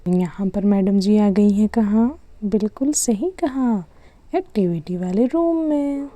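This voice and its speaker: A woman's voice: medium pitch, measured pace, dark tone, no echo. A woman narrating a children's doll story, explaining the scene in a plain way.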